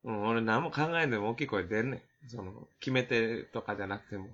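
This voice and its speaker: A man with a Kansai accent co-hosting a casual comedic podcast chat, animated and given to loud emphatic bursts. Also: fairly low pitch, fast talker. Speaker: podcast co-host. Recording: dull lo-fi podcast audio.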